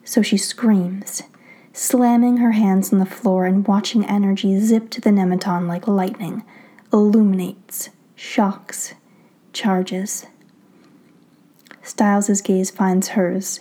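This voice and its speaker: Woman whispering a story aloud, soft breathy dark tone, steady. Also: medium pitch, takes it slowly. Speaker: story reader. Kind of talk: whispered narration.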